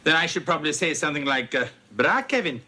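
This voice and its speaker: A man's voice: fairly high pitch, sing-song, quick pace, pushed and bright, breathy edge, exaggerated voice. An actor playing a witty male housekeeper in a sitcom, with a dry, wry delivery. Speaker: family housekeeper. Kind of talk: sitcom acting. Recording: noisy TV sound with studio laughter.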